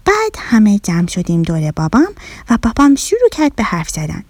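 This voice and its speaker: A woman's voice: mid-range voice, dry recording. A woman voicing a naive, literal-minded young fish child who chattily tells her own children's story. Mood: earnest. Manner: earnest, chatty, lively telling.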